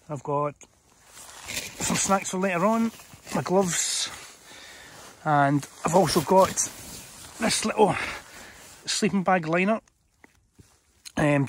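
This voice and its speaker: Chatty middle-aged man, somewhat high voice. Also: noisy background. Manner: easygoing, chatty, lots of ums. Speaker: outdoor vlogger. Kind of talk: casual camping vlog chat. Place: inside a small tent on a mountainside. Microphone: handheld camera close to the face.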